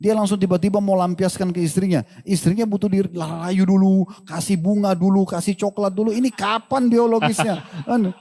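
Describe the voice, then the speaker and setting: A male preacher giving an Islamic sermon, lively and joking, acting out quoted dialogue. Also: sits high, brisk, hardly any pauses. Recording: hall with long reverb.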